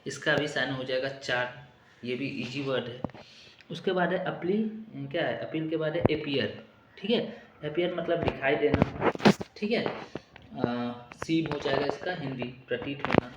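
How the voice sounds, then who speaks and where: A man's voice: mid-range voice, measured pace, dull audio. Man, exam-prep teacher, repeats mnemonics, frequent check-in asides, echoey room, noisy background. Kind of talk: classroom-style vocabulary lesson.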